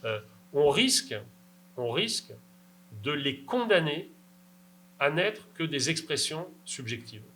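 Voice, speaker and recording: A man's voice: on the high side, very animated, slow pace, pauses often, bright, forceful tone, low-quality recording. A man answering questions after a lecture, emphatic and insistent, checking in with his audience. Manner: emphatic, insistent, rhetorical "d'accord?". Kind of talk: academic Q&A answer.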